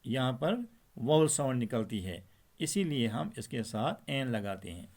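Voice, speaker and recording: Slow, patient male English teacher. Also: mid-range voice, very animated, a little mellow. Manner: patient, repeats example words slowly. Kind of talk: slow explanatory lesson.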